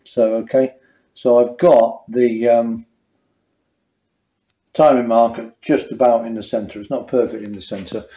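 An older man talks through a workshop repair, pausing and restarting his sentences as his hands stay busy. His voice sits at an ordinary middle pitch, and it sounds close to the camera in a small garage. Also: a little mellow. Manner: thinking aloud, restarting sentences while working. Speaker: motorcycle mechanic.

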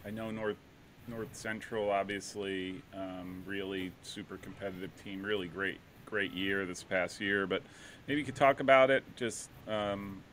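A man's voice: sits low, fairly even intonation, measured pace, fairly bright tone, a little hiss or hum, low-quality recording. A middle-aged man hosting an interview over a video call, talking with many ums and restarts into a studio mic with a headset. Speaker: interview host, soccer coach. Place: home room.

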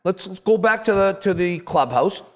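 Here the retired athlete turned show host, a Canadian from Toronto in his fifties, has a high voice and talks at a normal speed. His casual storytelling is animated and emphatic, with words repeated for effect, and the small office-style studio he's in gives off a long, echoey reverb.

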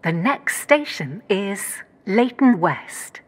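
Slow woman making train announcements. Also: very animated, breathy edge. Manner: measured, formal, segmented phrasing. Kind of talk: train station announcement, scripted passenger information. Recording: loud train noise over announcement. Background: rumbling train ride ambience.

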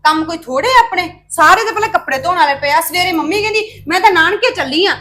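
Woman playing a sharp-tongued housewife, Punjabi accent, very high bright voice, fast complaining. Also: animated, slight background noise, heavily acted.

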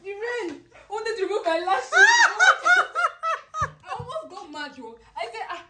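High, animated young woman in an echoey room. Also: slow pace. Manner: animated, laughing. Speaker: guest friend. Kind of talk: casual chat. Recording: echoey room with background noise.

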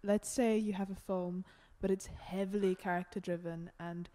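A woman's voice: mid-range voice, fairly even intonation, moderate pace, mellow. Hesitant woman asking a question. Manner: hesitant, searching for words. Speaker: audience member asking a question.

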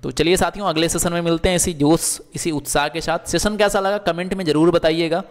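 A man's voice: on the high side, fairly even intonation, brisk, in a large hall. A man teaching English verbs in Hindi, asking questions and answering them himself, with frequent checks that the class is following.

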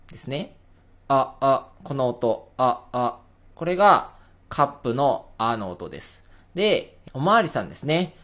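A man who is a speech-language therapist, explaining in a patient lecture style with spoken examples and filler pauses. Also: on the high side.

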